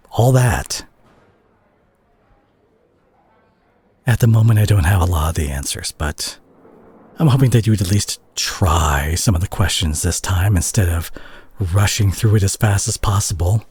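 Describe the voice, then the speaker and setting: A man voices a weary, husky superhero with a low voice, sitting at a teammate's hospital bedside in an intimate audio roleplay aimed at the listener. The full, animated character voice is hushed, halting and sighing, building into exasperated worry.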